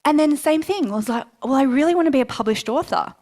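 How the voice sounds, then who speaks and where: A woman's voice: high-pitched, fast talker. A woman speaking live to an audience at a book launch, chatty and self-mocking, acting out her own past thoughts. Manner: lively, chatty, self-mocking, quotes herself in asides. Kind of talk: live motivational talk to an audience. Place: event room before a live audience.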